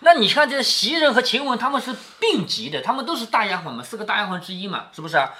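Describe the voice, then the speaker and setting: Lively, bright-voiced father explaining a story. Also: sits high, fast talker. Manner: keeps asking tag questions like "isn't it?" to check understanding; reads quoted lines with a raised, acted lilt. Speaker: father reading a classic novel to his daughter. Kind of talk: reading aloud and explaining the text.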